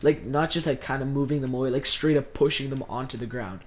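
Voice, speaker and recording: A man's voice: mid-range voice, quick pace. A teenage boy casually telling a story to camera, rambling with lots of "like" fillers. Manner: rambling, heavy use of "like". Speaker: vlogger.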